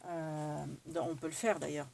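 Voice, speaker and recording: A woman's voice: low voice, level tone, moderate pace, vocal fry, a little mellow. A woman with a French accent demonstrating a craft tool, chatting casually and thinking aloud as she works. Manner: chatty, thinks aloud while working, many fillers. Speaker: craft tutorial host.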